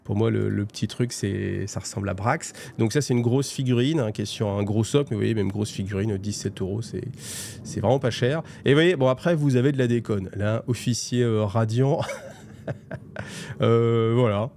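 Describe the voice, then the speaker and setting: A man's voice: on the low side, moderate pace, creaky, dark tone, slight background noise. A middle-aged man with a French accent, hosting a casual, joking roundup of new tabletop game releases, full of fillers and restarts. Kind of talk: casual, animated product roundup.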